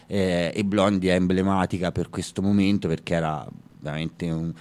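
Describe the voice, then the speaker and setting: A man co-hosts a music radio show in relaxed, chatty talk. His voice sits low, and he hesitates often, filling pauses with "eh" as he builds up a story. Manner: hesitant, many fillers, storytelling. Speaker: radio co-host. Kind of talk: casual music radio chat.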